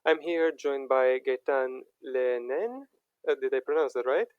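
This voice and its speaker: A man's voice: mid-range voice, a little slow, dry recording, highs cut off. A young man hosting a podcast interview, speaking with frequent fillers and restarts. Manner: hesitant, many fillers and restarts. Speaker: podcast host.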